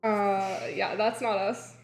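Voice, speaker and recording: A woman's voice: mid-range voice, little pitch movement, echoey room, faint music behind. A woman joining a friend's baking stream, chatting casually and joking along. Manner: playful, quick to joke along. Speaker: co-baker on stream. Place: home kitchen.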